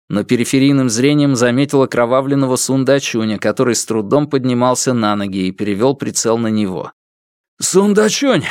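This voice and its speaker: A man reading a crime novel aloud as narrator, in an expressive, dramatic manner. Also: medium pitch, no room sound, clean studio sound.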